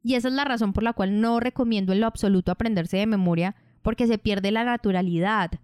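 A woman who hosts a podcast and coaches public speaking, explaining in a calm, measured way. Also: medium pitch, clear, resonant tone, no echo, studio quality. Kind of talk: instructional podcast narration.

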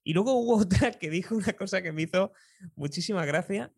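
Young man from Spain, Spanish accent, lively anecdotal storyteller, dry recording. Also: high-pitched, a little fast, slightly rough, no echo. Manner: lively storyteller, chuckles often. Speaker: public speaking coach.

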